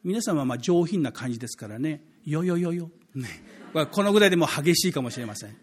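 A man's voice: on the high side, expressive, quick pace. A man preaching a conversational sermon as a pastor. He asks the congregation questions and acts out the quoted speech of the people in his story.

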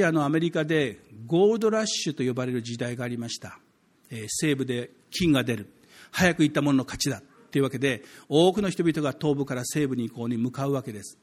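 A man's voice: mid-range voice, a little mellow, husky. A man preaching a sermon as a pastor, talking conversationally to the congregation, with emphatic swells.

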